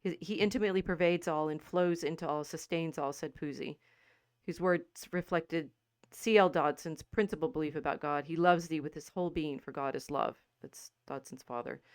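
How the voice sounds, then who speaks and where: Podcast co-host, female, low smooth voice, reflective and halting, dry studio sound. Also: a little mellow, no room sound. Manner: thoughtful, halting, many restarts. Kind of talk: casual livestream discussion, reading quotes aloud.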